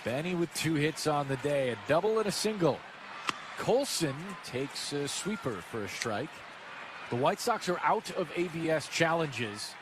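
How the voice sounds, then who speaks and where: Speaking from a stadium booth, this American man delivers live radio play-by-play of a baseball game in a fairly high voice. The sound is clean, with the ambient noise of the ballpark in the background.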